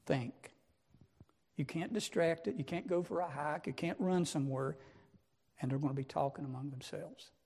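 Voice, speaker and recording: Brief: male preacher, dark slightly high voice, rhetorical questions, long church echo. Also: normal speed, vocal fry, breathy edge. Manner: emphatic, asks many rhetorical questions. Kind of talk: sermon. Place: church sanctuary.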